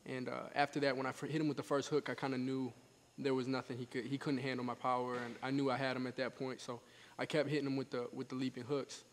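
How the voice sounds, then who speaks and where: Fast-talking eighteen-year-old man in an echoey hall. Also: medium pitch, flat delivery. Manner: confident, explains step by step, repeats phrases. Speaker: professional boxer being interviewed. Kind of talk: casual interview chat. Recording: echoey hall, faint background noise.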